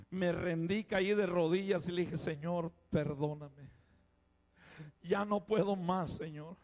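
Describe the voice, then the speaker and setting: Fervent preaching man, high-pitched. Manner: fervent preaching, rising to loud exclamations. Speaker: pastor. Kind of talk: sermon testimony.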